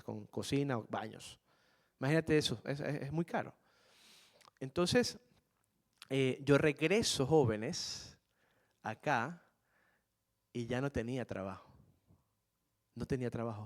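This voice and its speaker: A middle-aged man from Ecuador, a guest speaker telling a personal story to students in an earnest manner, repeating key phrases and calling them "jóvenes". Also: medium pitch.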